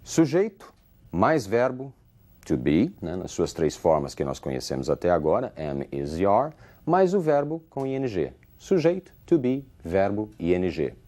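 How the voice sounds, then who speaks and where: Brazilian man teaching English, lively pitch. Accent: Brazilian Portuguese. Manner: explains slowly and patiently, reads English examples aloud with lifted intonation. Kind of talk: recorded English lesson explained in Portuguese.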